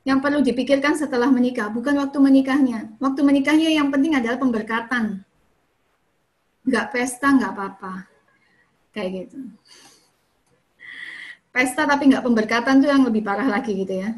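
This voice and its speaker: Chatty high-voiced woman giving advice. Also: normal speed, long pauses. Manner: chatty, often ends points with "kayak gitu" and "gitu ya"; asks the listeners questions and then answers them. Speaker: speaker at a church fellowship. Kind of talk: casual advice talk on dating and marriage.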